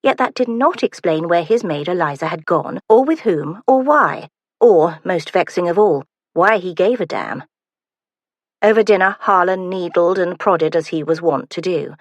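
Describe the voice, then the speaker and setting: A woman narrating a historical romance audiobook in a measured, expressive reading. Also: lowish voice, no room sound. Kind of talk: scripted narration.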